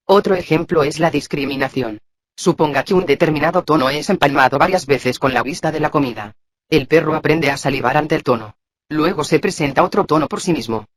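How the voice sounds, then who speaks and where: A man reading a psychology lesson aloud in a steady scripted way, sounding out abbreviations letter by letter. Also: on the high side. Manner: even, flat reading that voices abbreviations letter by letter. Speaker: textbook reader.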